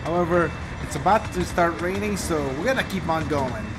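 With his camera at arm's length, a middle-aged man films a casual walking-tour vlog for his family channel at an outdoor zoo. He's brisk, chatty and upbeat, his voice a little high, over audible outdoor noise.

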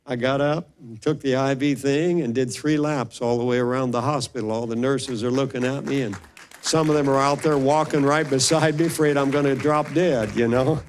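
Speaking at a middle pitch and moderate pace with a steady tone, an older pastor recounts a testimony during a sermon, animatedly imitating those he quotes. A little hiss or hum can be heard.

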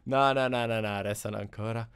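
A young man hosting gameplay commentary, excitable, swinging from muttering to shouting. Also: fairly low pitch, brisk, clean tone, no room sound. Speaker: gaming channel host. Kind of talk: playful live gameplay commentary.

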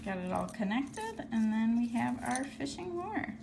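A woman's voice: on the high side, sing-song, unhurried, gravelly, noisy background. A woman hosting a casual step-by-step craft tutorial, talking in a friendly, practical way while she works with her hands at an indoor table. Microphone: phone camera filming hands from above.

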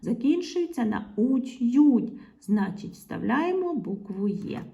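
A woman teacher talks young pupils through a grammar lesson, slowly and patiently, with some half-whispered asides. Her voice is mellow and a little gravelly. It rises and falls a great deal as she explains. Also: medium pitch, sing-song, highs cut off. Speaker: primary school teacher.

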